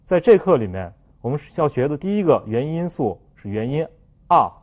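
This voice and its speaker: Male pronunciation teacher, lively pitch, careful explanations with loud modeled sounds. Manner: slow, careful explanations, then loud drawn-out example sounds.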